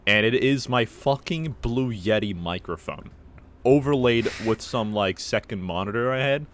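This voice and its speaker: A man's voice: mid-range voice, normal speed, a little hiss or hum. A young American man co-hosting a podcast, telling a story in a rambling way with lots of fillers and restarts. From United States. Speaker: podcast co-host. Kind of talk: casual chat.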